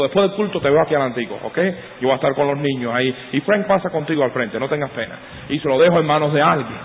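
A man preaching a sermon as pastor in a church, switching into quoted voices and climbing high and loud when he gets animated. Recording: phone-like lo-fi sound, husky.

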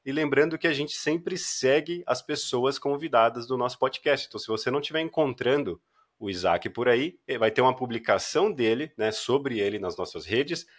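A Brazilian man hosting a podcast casually, with a hoarse, duck-like voice from a cold. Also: medium pitch, lively intonation, brisk. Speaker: podcast host.

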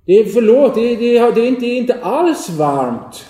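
A man's voice: high-pitched, big pitch swings, warm tone, voice pushed up. A man voicing an odd, eager fifteen-year-old boy in a tabletop game, welcoming and overly friendly. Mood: stammering. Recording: roomy echo.

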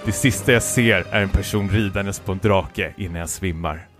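A man's voice: low-pitched, over music. A man co-hosting a podcast who reads his own comic fan story aloud in a playful way, often laughing as he reads. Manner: playful, breaks into laughter while reading. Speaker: podcast co-host. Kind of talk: comic reading of a self-written fan story.

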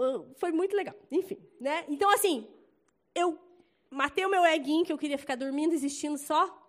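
A young Brazilian woman with a Brazilian Portuguese accent giving a casual, chatty church testimony and acting out loud quotes. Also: high-pitched. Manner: chatty, animated storytelling with loud acted quotes.

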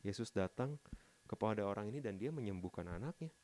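Lower-voiced man preaching, loud then hushed. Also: animated, fairly quick. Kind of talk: sermon.

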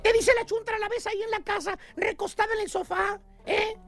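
A man hosts a comic radio show, ribbing his co-hosts and spinning mocking slang-filled anecdotes. His voice sits very high and carries a gravelly edge, with faint music underneath. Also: fairly even intonation, a little fast, fairly bright tone. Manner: teasing, mocking storyteller with slang.

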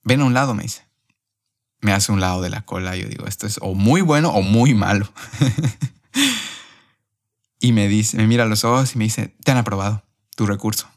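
A young man on a podcast, telling a personal story in an emotional, animated way. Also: on the low side, moderate pace, pauses often. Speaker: podcast host.

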